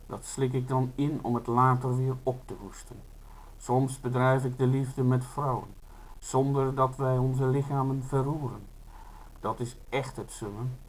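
A man reading his own first-person prose aloud, in a slow, measured and unhurried delivery. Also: mid-range voice, slight background noise, poor audio.

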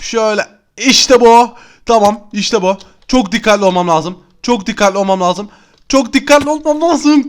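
Young man, high voice, gaming commentary, excitable, exasperated, chatty with viewers. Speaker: gaming YouTuber. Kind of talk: Minecraft let's-play commentary.

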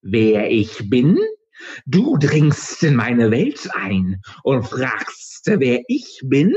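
A man's voice: medium pitch, very animated, darkish tone, muffled recording, pitched above the performer's own voice. Man putting on a hissing, menacing water monster. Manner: slow, drawn-out hissing threats.

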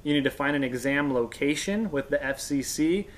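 A little hiss or hum sits under the slightly high voice of this American man in his thirties, who talks at normal speed. A knowledgeable guest radio expert and instructor, he explains casually and conversationally from a couch in a workshop room indoors.

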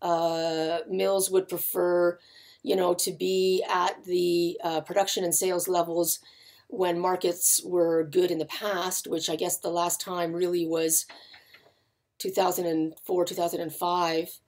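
A middle-aged woman with a growly, gravelly voice, giving unscripted market commentary in an explanatory, halting way with pauses. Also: fairly low pitch, level tone, a little mellow. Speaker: market analyst and host. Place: indoors, seated before a patterned backdrop.

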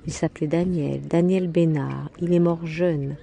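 A woman's voice: low voice, steady tone, unhurried, creaky, warm tone, a little hiss or hum. A woman voicing an elderly mother who speaks bluntly and without sentiment, in a storybook reading. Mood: bitter.

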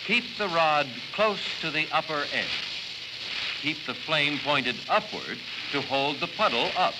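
A man giving steady step-by-step directions as the scripted narrator of an educational film. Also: fairly high pitch, unhurried. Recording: noisy old film soundtrack.

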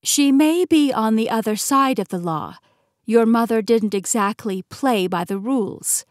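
A woman's voice: a little high, no echo, studio quality, natural voice. Millie, a woman voicing a poised immortal keeper. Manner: measured, explanatory. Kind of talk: audiobook character reading.

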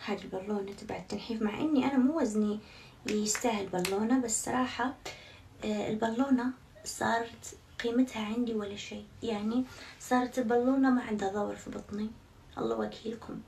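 A woman's voice: fairly high pitch, fairly even intonation, quick pace, vocal fry, darkish tone. A young woman chatting casually to her viewers, self-mocking and swearing oaths often. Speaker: vlogger. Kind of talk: casual vlog chat to viewers. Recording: somewhat far from mic, faint background noise.

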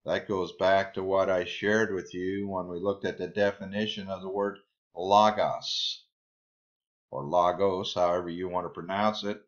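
A man giving a Bible study sermon, reading scripture aloud and then explaining it in a deliberate way. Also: deep voice, level tone. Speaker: Bible teacher. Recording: slightly dull lo-fi recording.

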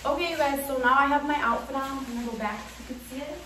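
A woman's voice: high voice, rapid-fire. A young woman hosting a vlog, chatting casually and informally to the camera in an echoey, nearly empty room. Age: young adult. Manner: informal, swearing. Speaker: vlog host. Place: nearly empty bedroom indoors. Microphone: camera a few feet away. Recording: echoey room, distant mic, noisy.

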